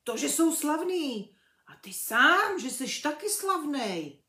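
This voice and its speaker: A woman reading a children's book aloud, voicing a huge, blunt male gamekeeper in loud, folksy speech. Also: sits high, big pitch swings, reverberant, voice pushed up, heavily acted. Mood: insistent.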